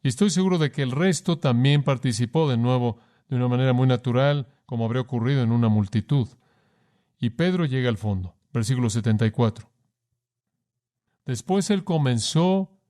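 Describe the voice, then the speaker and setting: A man's voice: mid-range voice, dark tone. Emphatic male preacher in a sermon. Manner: emphatic, addresses listeners with rhetorical questions. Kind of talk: sermon, voiced in Spanish.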